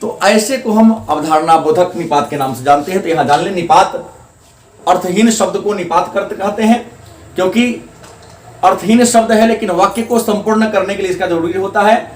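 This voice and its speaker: Male teacher, high register, patient and repetitive delivery; distant mic in a roomy, echoing classroom. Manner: repeats definitions slowly, stretching out example sentences. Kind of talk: classroom grammar lesson. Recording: echoey room, voice from a distance.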